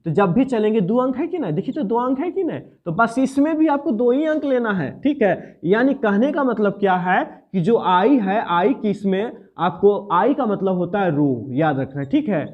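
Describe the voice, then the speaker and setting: High-voiced Hindi math tutor, tinny audio. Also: male voice, lively intonation, normal speed, hardly any pauses. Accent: Bihari Hindi. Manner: repetitive, quizzes the viewer, explains step by step. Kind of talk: classroom lecture.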